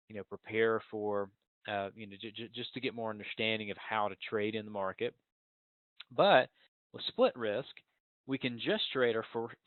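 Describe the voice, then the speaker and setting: A man's voice: fairly low pitch, no room sound. Male instructor, casual lecture delivery with frequent fillers; dry, phone-quality audio. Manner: conversational, many fillers and restarts. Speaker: trading instructor. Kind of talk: recorded class lecture. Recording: dry, phone-like narrow sound.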